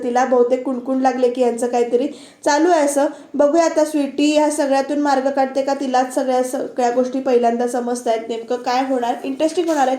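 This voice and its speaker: A woman's voice: high-pitched, mellow, roomy sound. A woman reviewer giving a casual recap of a TV serial episode as a voice-over, talking straight to her viewers in a chatty way. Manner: chatty retelling that addresses viewers directly.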